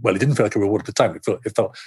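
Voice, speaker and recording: Husky middle-aged man, animated storyteller. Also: lowish voice, rapid-fire. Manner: animated, restarts often, acts out his inner voice. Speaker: screenwriter guest. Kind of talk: podcast interview conversation.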